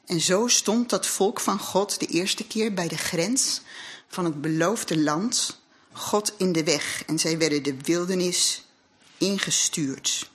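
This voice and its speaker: A woman's voice: lowish voice, takes it slowly. Earnest woman preaching a sermon. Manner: earnest, reflective preaching with scripture quotes. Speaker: lay speaker at a congregation. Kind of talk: sermon with personal testimony. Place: church hall.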